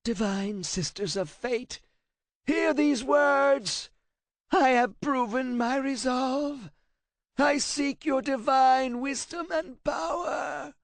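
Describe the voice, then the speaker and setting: A man voicing a terrified, cornered male scribe who rasps and pleads in a frantic, near-shouting voice. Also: very high-pitched, slow, dry recording, clean studio sound, pitched above the performer's own voice, exaggerated voice. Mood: desperate. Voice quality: raspy.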